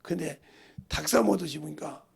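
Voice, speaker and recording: A man's voice: on the high side, moderate pace, gravelly, breathy edge. A man pastor preaching a sermon in a folksy storytelling way, asking the congregation questions as he goes. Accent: Korean.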